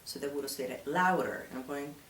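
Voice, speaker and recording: A woman's voice: deep voice, quick pace, fairly bright tone, distant mic. A woman in her fifties from Venezuela with a Venezuelan Spanish accent, a native Spanish speaker answering interview questions in a hesitant, thoughtful way. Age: 50s. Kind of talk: casual interview. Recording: echoey room, from the mic, faint hiss.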